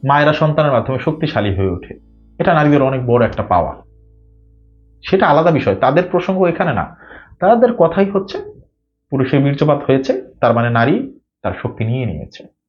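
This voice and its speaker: A man with a Bangladeshi Bengali accent giving a spiritual talk, arguing with many rhetorical questions. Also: a little high. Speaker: spiritual speaker. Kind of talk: spoken religious talk. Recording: dull lo-fi audio with faint guitar music.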